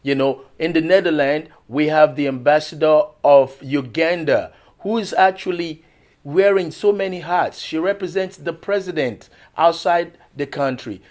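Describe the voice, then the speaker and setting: A man's voice: on the high side, normal speed, darkish tone. A man who is a pastor, hosting a TV interview show in a formal, welcoming manner. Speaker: talk show host and pastor.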